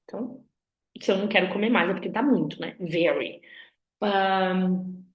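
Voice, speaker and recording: A woman's voice: mid-range voice, normal speed. A woman teacher with a Brazilian accent, patiently explaining a review lesson step by step in a chatty way. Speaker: English teacher. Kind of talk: recorded review lesson for students. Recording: roomy echo.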